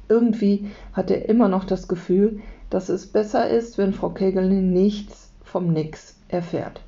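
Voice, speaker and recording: A woman teacher calmly reading a children's book aloud to her class. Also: fairly low pitch, gravelly. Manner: calm, steady storytelling. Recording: dull lo-fi recording.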